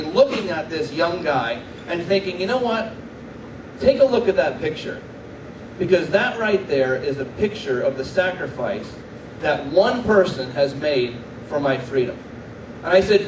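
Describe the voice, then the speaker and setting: A middle-aged man, a military chaplain, giving an earnest inspirational speech to a live audience and slowing down to stress his key points. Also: high-pitched. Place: large room before an audience. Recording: echoey room, distant mic, faint background noise.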